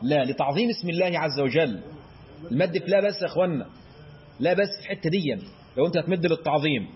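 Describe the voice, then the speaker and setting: In an explanatory lesson, a man with an Egyptian Arabic accent teaches Quran recitation rules, quizzing listeners and answering his own questions. His voice is a little high with lively intonation, and the highs are cut off. He chants verse examples in a drawn-out recitation tone.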